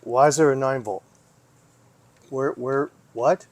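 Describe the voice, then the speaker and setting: This man speaks slowly and steadily at a medium pitch, his tone on the dark side, over slight background noise. As a hobby repair vlogger, he offers casual hands-on commentary while tinkering, talking to himself and posing questions aloud.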